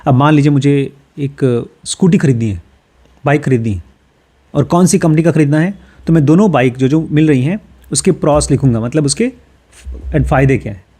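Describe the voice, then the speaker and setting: A man's voice: a little high, normal speed, warm tone, husky. A man from Uttar Pradesh explains a self-help book in a casual way. He reads English passages aloud, then talks them through with everyday personal examples. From Uttar Pradesh, India. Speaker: course teacher.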